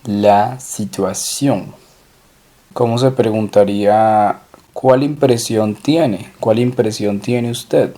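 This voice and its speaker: A man teaching French in a recorded lesson, slowly drilling and repeating each phrase. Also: fairly low pitch, mellow. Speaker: language teacher.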